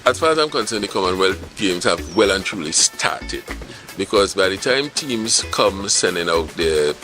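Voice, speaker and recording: A man's voice: sits low, lively intonation, normal speed, music in the background. A man giving confident, explanatory interview comments as an official.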